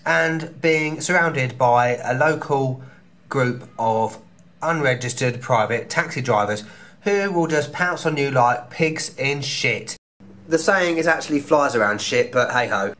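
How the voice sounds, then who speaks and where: He's a travel vlogger in his thirties with a London accent, recording advice from a small hotel room on a camera held close at arm's length. His mid-range voice has a fairly bright tone, and his delivery is chatty and cheeky, with quick asides.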